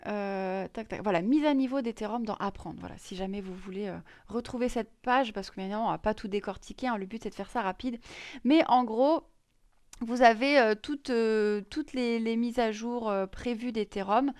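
A woman's voice: fairly high pitch, normal speed, a little mellow, dry recording. A woman presenting crypto news in a casual screen-share explainer, chatty and full of hesitations. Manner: many fillers and restarts, chatty.

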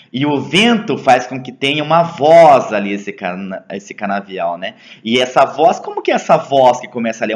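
Man, Brazilian Portuguese accent, teacher explaining poems, expressive pitch, conversational tag questions. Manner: tags sentences with "né?" and "tá?", conversational.

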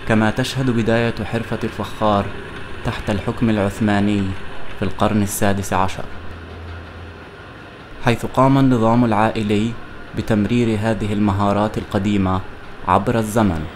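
A man reading a scripted documentary narration in formal standard Arabic, measured and even. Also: on the low side, background noise.

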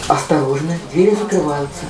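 A recorded announcer calling out stops in a measured, formal way over a tram's loudspeaker. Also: medium pitch, crowd noise. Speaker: tram stop announcer. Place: inside a moving tram. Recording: echoey, distant, noisy tram interior.

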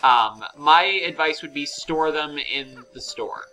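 A man's voice: a little high, expressive, slow, bright, forceful tone, soft background music, low-quality recording. A man giving casual, rambling game commentary, with fillers and self-corrections. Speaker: let's play commentator.

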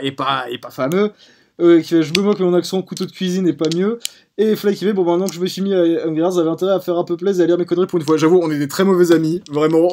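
A man's voice: fairly high pitch, a little mellow. A man hosting a live stream, chatting casually and drifting into digressions. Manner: rambling, prone to digressions. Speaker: streamer host.

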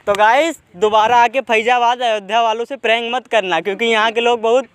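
A man's voice: very high voice, steady tone, brisk, fairly bright tone, clear, resonant tone, no room sound. A young man hosting a street prank, teasing and cajoling in casual banter, outdoors in a park and caught by a distant hidden camera. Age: young adult. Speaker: prank video host.

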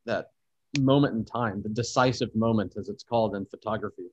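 On a dry, dull-sounding recording, a man with a lowish, breathy-edged voice speaks a little fast. He's a podcast guest who shares thoughtful, expansive stories about travel, teaching and photography, warmly recalling cultural experiences as the conversation unfolds.

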